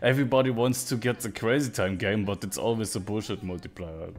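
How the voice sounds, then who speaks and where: A man in his thirties giving casual, profane live-stream commentary as a casino game streamer, with excitable outbursts. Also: on the low side, a little fast. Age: 30s.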